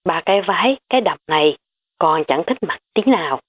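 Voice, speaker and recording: A woman voicing a spirited, stubborn teenage girl who protests in high, quick outbursts. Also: expressive, breathy edge. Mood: protesting. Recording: tinny phone-like audio.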